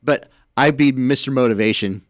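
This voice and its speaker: Casual male co-host, mid-pitched, rambling, retelling stories with restarts; dry close studio mic. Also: moderate pace, dry recording. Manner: rambling, repeats words, animated storytelling. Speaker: podcast co-host. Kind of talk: casual chat. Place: radio station studio.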